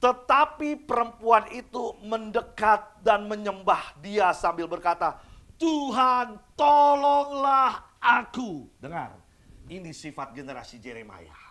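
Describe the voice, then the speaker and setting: A man delivering an animated church sermon. His voice sits high, and he keeps putting questions to the congregation and slipping into quick acted-out voices as he preaches. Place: church service.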